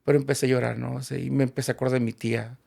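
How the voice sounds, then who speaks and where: Man, guest storyteller in an interview, heavy vocal fry, plays out each quote in the story. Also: mid-range voice, very fast. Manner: animated storyteller acting out quoted dialogue.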